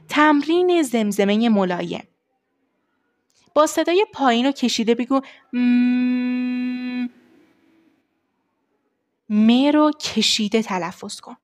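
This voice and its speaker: A young adult woman voice coach giving a lesson on vocal warm-ups, explaining steps and demonstrating the exercises herself. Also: a little high. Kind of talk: voice training lesson.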